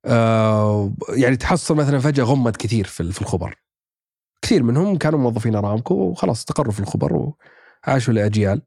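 Animated and racing, this man's mid-range voice is creaky yet a little mellow. He's a Saudi Arabian actor and writer guesting on a podcast, casually thinking aloud with frequent fillers and false starts. The recording is dry and of studio quality.

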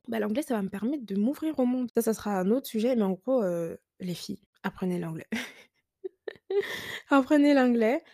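Young French woman, podcast host, fast chatty advice, higher voice. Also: a little mellow, dry recording, studio quality. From France. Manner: chatty, emphatic, many fillers. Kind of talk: casual advice chat.

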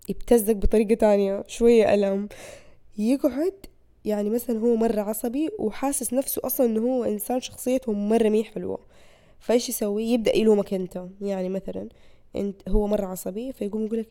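A woman's voice: medium pitch, fast talker. A young woman, hosting a podcast as a casual monologue and acting out the people she quotes. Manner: animated, acts out quoted people. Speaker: podcast host.

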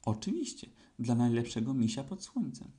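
A man's voice: medium pitch, big pitch swings, moderate pace, dark tone, close to an everyday voice. A man voicing a kind, earnest young boy in a storybook reading. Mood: excited.

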